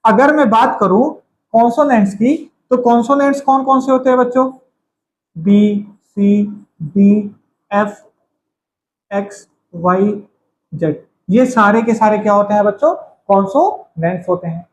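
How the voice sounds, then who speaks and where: A man's voice: sits high, a little slow, a little hiss or hum. A man teaching a grammar lesson, calling his students kids, repeating each point and quizzing them. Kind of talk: classroom lecture. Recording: echoey room.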